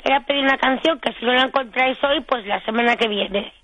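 A woman calling in to a radio show, hoarse from a cold, speaking softly and briefly. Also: sits high, quick pace, no room sound, rough recording. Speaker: radio caller. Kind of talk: phone call to radio show.

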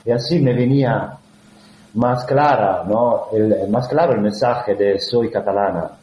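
A man from Italy, speaking with an Italian accent as an interview guest, talking in a halting way full of fillers and restarts. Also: lowish voice, dark tone. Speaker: guest, actor. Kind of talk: conversational interview. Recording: roomy, dull lo-fi sound.

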